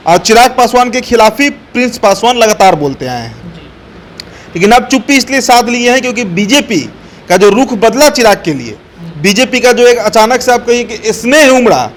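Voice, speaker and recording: A man's voice: very high-pitched, slight background noise. A man giving political commentary, assertive and explaining step by step with frequent fillers. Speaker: political analyst.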